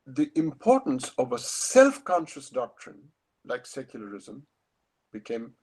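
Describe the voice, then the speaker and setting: Older man, professor, academic lecture, husky, lively intonation, thoughtful restarts. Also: medium pitch, unhurried. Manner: thoughtful, with restarts and emphatic stresses. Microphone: video call.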